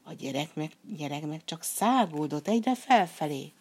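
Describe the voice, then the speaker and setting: Woman storyteller, low pitch, expressive fairy-tale reading. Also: husky.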